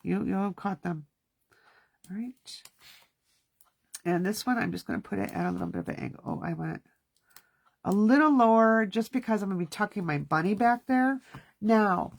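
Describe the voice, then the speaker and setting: In a dry recording, a woman with a creaky, mid-range voice runs a casual card-making session. She chats to herself as she works, and her nose is stuffy.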